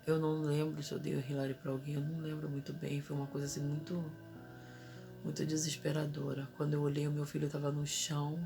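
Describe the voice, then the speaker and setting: A woman's voice: deep voice, gravelly. A woman in her thirties telling an emotional personal story as a mother, urgently reliving her own desperate cries for help.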